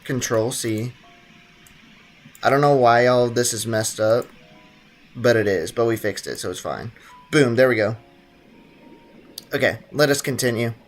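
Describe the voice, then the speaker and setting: A young man with a mid-range voice streams a video game, talking a little slowly with frequent pauses. He's chatty with his audience, greets the chat and talks to himself as he plays, and faint game music runs behind him.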